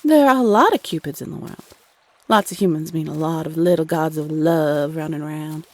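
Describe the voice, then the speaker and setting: A woman's voice: sits low, fairly quick, no room sound, natural voice. A woman playing a playful, teasing Cupid, a bossy love goddess who chats sassily and uses pet names in an audio roleplay. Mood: friendly, sassy. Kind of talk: scripted audio roleplay addressed to the listener.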